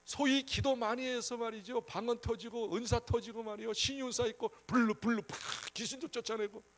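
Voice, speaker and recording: A man preaching with a high-pitched voice, pushing hard on some phrases and dropping almost to a murmur on others. He talks to the congregation in a conversational way, urging and asking questions. A steady mains hum runs under the recording. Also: a little fast. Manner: emphatic, conversational preaching that swings between loud urging and soft asides. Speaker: pastor. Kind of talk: sermon at a Friday prayer meeting.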